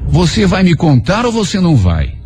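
A man's voice: high voice, wildly swooping pitch, normal speed, faint music behind. A man reading the lines of a jealous young woman who has drunk a bit too much and accuses her friend. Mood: jealous, accusing. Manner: accusing, shouting.

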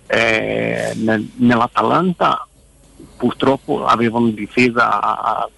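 A man's voice: medium pitch, slow pace, gravelly, bright, forceful tone, slightly rough, poor audio. A man working as a football pundit guest on a radio show, explaining his view emphatically and often repeating words as he goes. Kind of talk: radio phone-in commentary.

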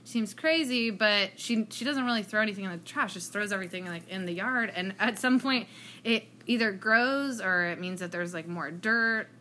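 A woman's voice: medium pitch, normal speed, bright, forceful tone, a little hiss or hum. A woman hosting a podcast in casual chat, laid-back and upbeat. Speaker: podcast host.

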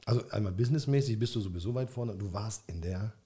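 Low-voiced man with dry irony. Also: quick pace, dark tone. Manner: dry, ironic interjections and teasing questions. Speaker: podcast co-host. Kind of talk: casual comedic chat.

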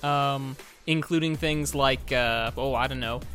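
A man co-hosting a podcast in casual chat, halting and repeating words as he goes. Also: mid-range voice, fairly bright tone, soft background music. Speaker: podcast co-host.

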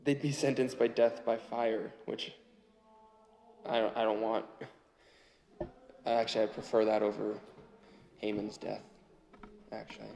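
A man's voice: fairly low pitch, unhurried, creaky, pauses often, a little hiss or hum. A man giving a casual, conversational Bible teaching and reading scripture aloud. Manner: relaxed and conversational, reads scripture aloud louder. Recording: echoey hall with long reverb.

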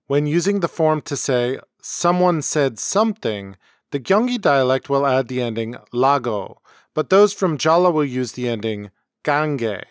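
A man hosting a homemade podcast, reading a scripted lesson in a measured, explanatory way. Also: mid-range voice, lively intonation, clean tone, dry recording, studio quality. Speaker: podcast host. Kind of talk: scripted educational narration. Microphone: close home mic.

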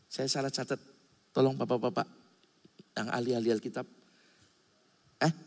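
A man's voice: medium pitch, creaky. A male pastor preaching a sermon in a church hall, speaking emphatically and often calling his listeners brothers and sisters. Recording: long hall reverb.

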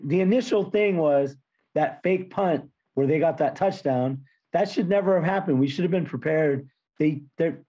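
A man hosts casual sports talk in a hoarse, worn-out voice, sitting fairly high and mellow. He is blunt and frustrated, and the recording is dull and lo-fi. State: hoarse, voice lost from yelling. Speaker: sports podcast host.

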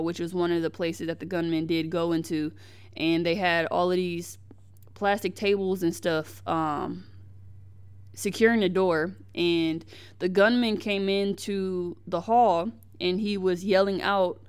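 A woman's voice: lowish voice, clear, resonant tone. A young woman hosting a podcast, giving heated, emphatic commentary on the news, with slang and frequent restarts. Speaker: podcast host.

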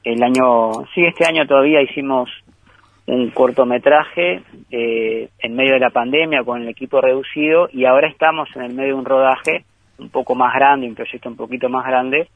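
Here the filmmaker's voice is medium-pitched and steady, delivered at a normal speed. In a casual phone interview heard through a tinny line, he meanders thoughtfully through his group's work, frequently starting sentences over.

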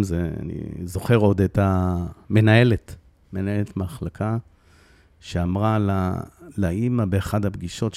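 A middle-aged man telling, with deep emotion, the story of losing his son, often repeating phrases for emphasis. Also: creaky, warm tone, no echo, studio quality. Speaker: guest, bereaved father.

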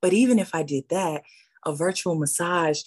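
A lower-pitched woman, a former radio DJ, is a guest on a casual podcast chat. She makes dramatic, playful protests. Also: normal speed, a little mellow, slightly rough, dry recording.

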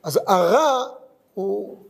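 A man's voice: high voice, animated, gravelly. A man teaching a Midrash study lesson, thinking aloud in short, searching phrases. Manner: thoughtful, searching for words, speaks in short phrases. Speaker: Torah teacher.

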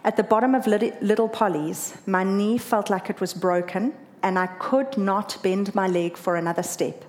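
A South African woman, mid-range in voice and speaking at a normal rate, sincerely narrates a personal marathon tale. It's an emotional telling that becomes spirited when she repeats what others told her.

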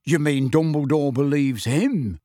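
A man voicing an aggressive, dismissive teenage boy who challenges slowly and deliberately. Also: fairly high pitch, dark tone, no room sound, clean studio sound, close to an everyday voice.

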